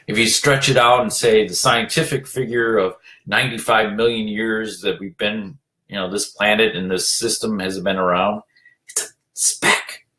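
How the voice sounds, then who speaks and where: A man with a somewhat low voice delivers a motivational talk as a leadership coach. He speaks earnestly and urges the listener on. He circles back over his own phrases and pads his pauses with "you know". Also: fairly even intonation, pushed and bright. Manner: earnest, urging, repeats phrases, many "you know" fillers.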